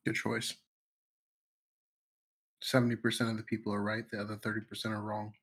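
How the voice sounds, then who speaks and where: A man's voice: lowish voice, completely flat delivery, brisk, a bit bright, slightly rough. A man co-hosting a podcast in casual chat, laid-back, crude and joking. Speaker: podcast co-host.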